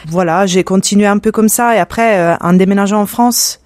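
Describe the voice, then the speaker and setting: A woman's voice: medium pitch, fairly quick, a little mellow, no echo. A young woman from Sicily, a guest in a radio studio, telling her story hesitantly with many fillers. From Sicily, Italy. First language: Italian. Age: young adult. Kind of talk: personal testimony in an interview.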